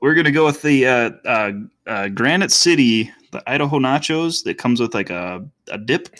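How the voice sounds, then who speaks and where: A man's voice: medium pitch, expressive, moderate pace, fairly bright tone. Guy rambling thru a podcast chat, lots of uhs, mid voice. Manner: rambling, hesitant with many fillers. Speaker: podcast co-host. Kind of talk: casual chat.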